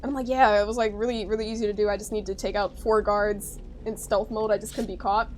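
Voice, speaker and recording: A young woman with an American accent, chatting casually with her stream viewers in an animated, chatty way. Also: medium pitch, fast talker, background noise. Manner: chatty, animated retelling, frequent laughter.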